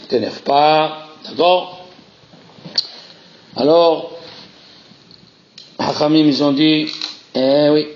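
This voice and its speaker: A man teaches a Torah class in an animated, insistent way, circling back to repeat his key phrases. His voice sits a bit high. The recording is muffled and lo-fi. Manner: animated, repeats key phrases, mixes Hebrew terms into French. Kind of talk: Torah lesson.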